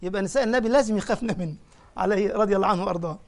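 A high-pitched man with an Egyptian accent delivers a sermon as a sheikh. He tells his stories with animation and keeps turning to the congregation with questions. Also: very fast. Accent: Egyptian Arabic. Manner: animated storytelling with questions to the listeners. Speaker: sheikh preacher.

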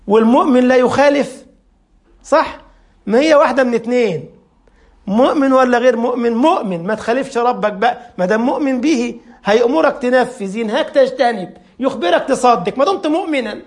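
A man's voice: very high voice, a little fast. A man with an Egyptian accent preaching a sermon, firing off rhetorical questions and acting out the people he argues against. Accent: Egyptian Arabic.

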